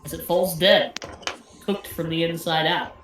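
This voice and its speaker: A woman game master narrating a tabletop game off the cuff, halting as she searches for words. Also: deep voice, steady tone. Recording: very echoey with faint noise.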